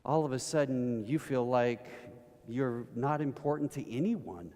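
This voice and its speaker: A man preaching a sermon, telling everyday stories at an unhurried pace and building to emphatic bursts. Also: medium pitch, warm tone. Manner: slow, storytelling delivery with rising emphatic bursts. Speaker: pastor. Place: church sanctuary. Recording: long reverb of a church hall.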